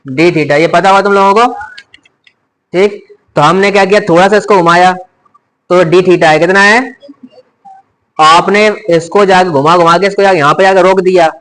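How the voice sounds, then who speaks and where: High-voiced man quizzing his class. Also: a bit bright, rough recording. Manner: keeps asking rhetorical questions and repeating key terms. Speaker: physics teacher. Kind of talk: classroom lecture.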